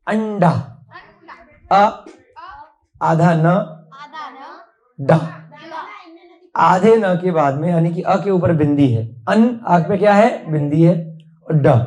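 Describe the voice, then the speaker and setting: A woman's voice: medium pitch, darkish tone. A woman teaching a class, drilling words and asking the pupils questions.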